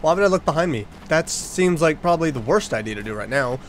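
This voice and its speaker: A man's voice: fairly high pitch, lively intonation, fast, a little hiss or hum. A young man commentating a horror game let's play, joking around and exclaiming when startled. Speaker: gaming YouTuber.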